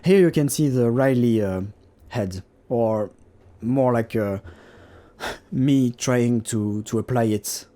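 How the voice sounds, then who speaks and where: Mellow-voiced man, halting self-deprecating chat. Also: medium pitch. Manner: halting, many fillers and restarts; self-deprecating, laughs at himself. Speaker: digital artist. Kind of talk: casual voice-over about his painting process.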